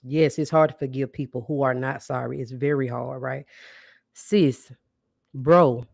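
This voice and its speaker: A woman's voice: a bass voice, steady tone, unhurried, creaky, a little mellow, no room sound, clean studio sound. Blunt, casual woman podcast host. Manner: blunt, casual, addresses listeners directly as sis and baby; greets viewers and asks them to interact. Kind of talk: live-streamed podcast monologue.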